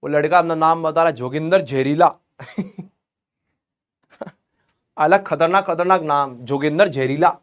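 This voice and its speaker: A man's voice: on the high side, a little slow, long pauses. A young man teaching an online chemistry class in a chatty, joking way, mixing explanations with banter aimed at students.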